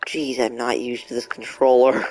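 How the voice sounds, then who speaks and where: A man's voice: mid-range voice, flat delivery, normal speed, darkish tone, soft background music. A young man streaming a game, chatting casually and talking back to the game in mock frustration. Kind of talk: casual live gameplay commentary.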